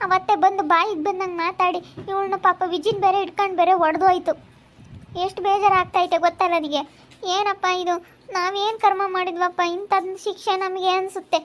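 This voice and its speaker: A woman's voice: extremely high pitch, little pitch movement, brisk. A woman acting a tearful young pregnant wife who keeps complaining about how her family hurts her, speaking while crying. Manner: plaintive, complaining. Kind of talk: amateur family drama.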